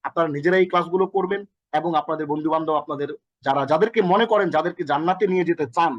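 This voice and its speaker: A man's voice: fairly high pitch, very fast, no echo, dull audio. A man teaching a recorded Arabic lesson with energy, often repeating himself and quizzing the listener, with a Bangladeshi accent.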